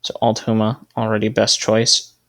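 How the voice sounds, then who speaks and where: A man's voice: fairly low pitch, completely flat delivery, normal speed, creaky, fairly bright tone. A man giving casual gameplay commentary, thinking aloud as he sets up a team and correcting himself as he goes. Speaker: gaming video creator.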